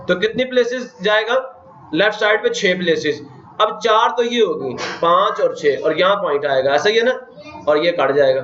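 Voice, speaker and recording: A man's voice: high-pitched, normal speed, fairly bright tone, a little hiss or hum. A man teaching a math class, often asking the students questions and counting places aloud. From Pakistan. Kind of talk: classroom lecture. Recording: echoey classroom, dull lo-fi sound.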